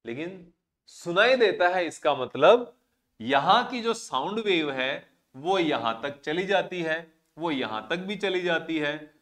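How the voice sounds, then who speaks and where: A man's voice: fairly high pitch, lively intonation, slow, fairly bright tone. A male physics teacher, giving a classroom lecture and explaining through rhetorical questions and everyday examples.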